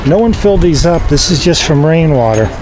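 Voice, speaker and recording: A man's voice: on the high side, lively intonation, fairly quick, over music, rough recording. A man casually narrating as he films his walk through an indoor flea market, making wry remarks. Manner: chatty, wry remarks while filming. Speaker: vlogger touring a flea market.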